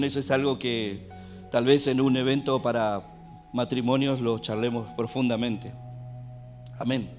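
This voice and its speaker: Argentine preacher guy, sermon, gets loud and emphatic then drops to asides, keys playing faintly behind. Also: mid-range voice. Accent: Argentine Spanish. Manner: preaching with rising emphatic bursts and asides to the congregation. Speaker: pastor. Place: church.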